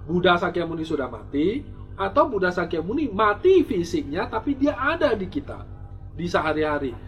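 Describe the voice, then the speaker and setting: A man's voice: high-pitched, very animated, moderate pace, soft background music. A man, a Buddhist monk, giving a dharma talk and answering viewer questions with rhetorical questions, teasing humor and frequent restarts. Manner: frequent restarts and repeated words.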